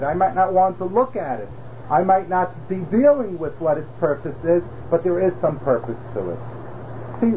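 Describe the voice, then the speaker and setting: In a dull, lo-fi recording of a religious class with slight background noise, a man whose voice sits high teaches patiently. He checks in with his listeners through rhetorical questions.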